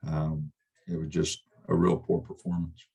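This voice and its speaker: Middle-aged male coach, deep husky voice, halting postgame answers. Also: flat delivery, mellow. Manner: halting, subdued, many fillers and restarts. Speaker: basketball head coach. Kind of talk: postgame press conference.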